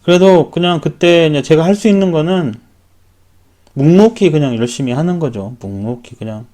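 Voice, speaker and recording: A man's voice: fairly high pitch, lively intonation, normal speed, warm tone. A man who works as a welder tells his own story in a rambling, casual way and often corrects himself mid-sentence. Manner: rambling, frequent self-corrections. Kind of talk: personal storytelling.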